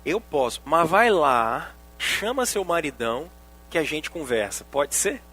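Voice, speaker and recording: A man preaching, voicing Jesus in a soft, quiet and lower way. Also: big pitch swings, measured pace, faint music behind, exaggerated voice. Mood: gentle. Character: calm, gentle Jesus, a male teacher.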